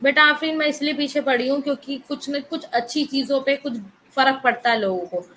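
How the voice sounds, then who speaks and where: A woman's voice: high-pitched, fairly quick, bright, forceful tone, slight background noise, rough recording. A woman teaching an online economics class, mixing in English terms and firmly scolding students in the chat. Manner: mixes Hindi with English terms.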